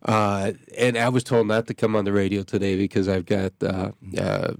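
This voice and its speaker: A pastor hosts a radio chat, his nose congested and his low voice gravelly. He rambles, keeps cutting himself off and starting again, and the studio sound is dry and close. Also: fairly even intonation, a little fast, no room sound. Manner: rambling, self-interrupting.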